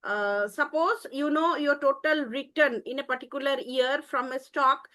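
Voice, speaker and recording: A woman teaching an online class, explaining patiently with many hesitant pauses over a call headset. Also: sits high, sharp tone. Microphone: earphone mic on a video call.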